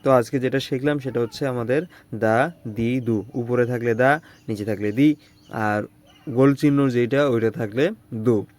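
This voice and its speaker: A man teaching Arabic letters in an online lesson, patiently repeating syllables slowly for drilling. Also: medium pitch, fairly even intonation, a little mellow. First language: Bengali.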